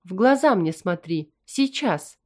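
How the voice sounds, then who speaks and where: A woman reading an audiobook and voicing a stern, commanding middle-aged alien noble mother who fires off sharp demanding questions. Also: mid-range voice, animated, measured pace. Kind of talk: audiobook character voice.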